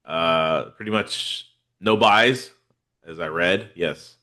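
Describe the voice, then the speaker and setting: A podcast host with a head cold chats casually about fantasy football, laid-back and rambling, full of fillers. He speaks slowly in a deep voice that sounds pushed and bright.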